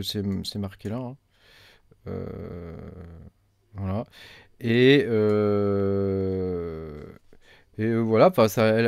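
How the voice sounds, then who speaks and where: A man's voice: fairly low pitch, a little mellow, no room sound, clean studio sound. A man reviewing crypto payment cards in a casual, hesitant way, full of fillers and restarts. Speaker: crypto video host. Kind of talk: casual screen-share review.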